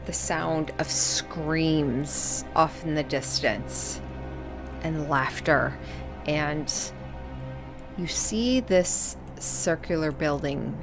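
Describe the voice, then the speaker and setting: A woman running a tabletop role-playing game as game master, narrating in a measured, deliberate way with dramatic pauses. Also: deep voice.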